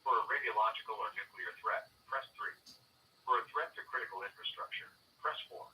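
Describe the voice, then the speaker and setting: A man's recorded voice on an automated phone menu, heard through a phone line, announcing calmly and formally. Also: fairly low pitch, fairly quick. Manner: calm, even, formal announcing. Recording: distant phone line with faint hiss.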